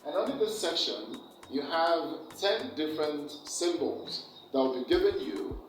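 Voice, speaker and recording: A man teaching an exam preparation lesson, slowly and deliberately, repeating key words for emphasis. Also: on the high side, animated, far from the mic. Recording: echoey room, off-mic, faint music.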